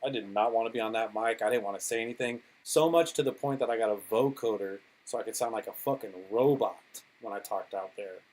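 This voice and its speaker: A man's voice: lowish voice, a little fast, few pauses, a little mellow, low-quality recording. Loose, swearing male DJ telling stories. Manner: rambling storyteller, swears freely. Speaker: podcast guest, DJ and producer. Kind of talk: casual interview chat.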